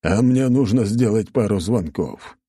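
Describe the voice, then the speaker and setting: A man's voice: lowish voice, a little slow, dark tone, no echo, clean studio sound, pitched above the performer's own voice. A male narrator voicing an impatient, commanding emperor in an audiobook.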